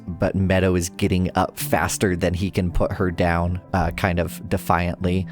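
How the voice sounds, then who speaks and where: A man narrating as game master of a tabletop role-playing game, descriptive and measured. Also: low-pitched, a little mellow.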